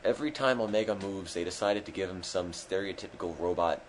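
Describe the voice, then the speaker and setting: A man's voice: deep voice, a little fast, noisy background. A man hosting a charity game stream, giving dry, sarcastic commentary while playing, over game music. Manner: dry, sarcastic, self-deprecating. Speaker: stream host and game player. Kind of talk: let's play commentary.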